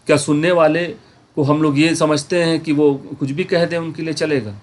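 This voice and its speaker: A man teaching a Quran grammar class, explaining patiently, checking in with his students and slowly repeating words to show how they are said. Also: on the high side, level tone. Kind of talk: online class lecture.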